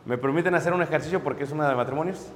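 A man preaching a sermon on marriage to a congregation, acting out husband and wife exchanges with lively voices and asking the audience to agree. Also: a little high, very fast, a little hiss or hum. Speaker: pastor. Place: church hall. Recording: echoey hall with long reverb.

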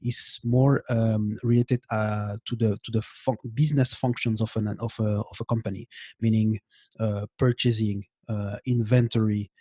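Guest expert, thirties, from Belgium, halting delivery, dry close mic. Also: male voice, fairly low pitch, little pitch movement, a little mellow, husky, no echo. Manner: hesitant, many fillers and restarts. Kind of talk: interview answers.

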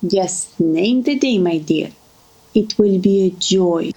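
An actress playing a warm, motherly older woman who speaks gently and affectionately. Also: mid-range voice, lively intonation, takes it slowly, slightly rough, highs cut off. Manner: gentle, affectionate, calls others darling. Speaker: family friend. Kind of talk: drama acting.

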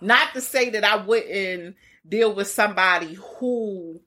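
A woman's voice: medium pitch, takes it slowly, pushed and bright. A woman with a Baltimore accent chatting candidly and telling stories as a comedian guest on a podcast, blunt, slangy and freely swearing. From Baltimore, United States. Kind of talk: casual candid chat, storytelling.

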